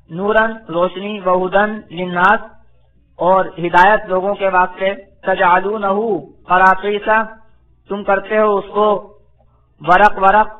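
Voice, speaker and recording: An Islamic scholar teaching the Quran gives a religious lecture, reciting verses phrase by phrase before translating and explaining them with didactic repetition. His voice is high, bright and forceful, though the recording sounds muffled.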